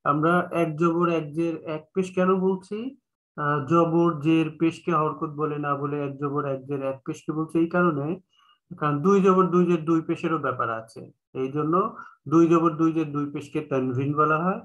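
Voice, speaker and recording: A man with a Bangladeshi Bengali accent, teaching an online class in a patient way, repeating each point slowly with many filler sounds. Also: a little high, fairly even intonation, muffled recording. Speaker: Quran reading teacher. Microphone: online call.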